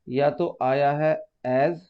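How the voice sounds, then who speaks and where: Guy teacher explaining grammar to his class, patient, repeats stuff, kinda high voice, dull recording. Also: steady tone, very slow, clear, resonant tone. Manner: patient, repeats key terms, calls students "beta". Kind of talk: exam-prep classroom lesson. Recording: muffled lo-fi recording.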